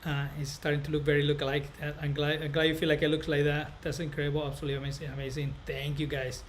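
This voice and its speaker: This man, a barber educator from northern Spain with a Spanish accent, runs a laid-back live stream where he talks to viewers haltingly and rambles, frequently saying things twice. His pitch is fairly high and his delivery completely flat, against slight background noise.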